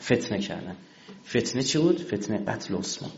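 A man's voice: lowish voice, creaky, muffled recording. A man giving a religious history lecture in a colloquial storytelling manner, acting out the dialogue of the people in his story. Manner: animated storyteller who acts out quoted dialogue.

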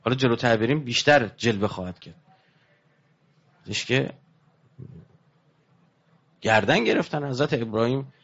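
Guy preaching a religious lecture, highish voice, muffled lo-fi sound. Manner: animated, rising emphasis, then low and hushed. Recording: dull lo-fi recording.

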